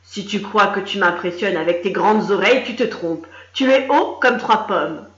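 A woman's voice: medium pitch, animated, moderate pace, fairly bright tone, close to an everyday voice. A woman voicing a grumpy, mean old man from a children's story, scolding and mocking, in a roomy, slightly dull recording. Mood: scornful.

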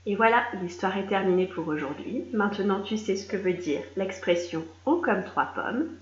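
A woman reading a children's story aloud, expressive and speaking directly to a young listener. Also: mid-range voice. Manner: slow, expressive, addressing a child. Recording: roomy, slightly dull recording.

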